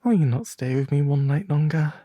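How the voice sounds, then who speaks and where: A man voicing a sorrowful, compassionate prince statue in a storybook, soft and breathy, gently pleading. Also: fairly high pitch, fairly quick, dry recording, lightly acted.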